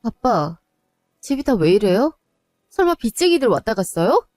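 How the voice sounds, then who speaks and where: A woman's voice: fairly high pitch, very animated, moderate pace, darkish tone, no room sound, clean studio sound, faint music behind. A woman voicing a distraught young wife and daughter who pleads and cries out in a one-voice audio drama. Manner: pleading, rising to anguished cries.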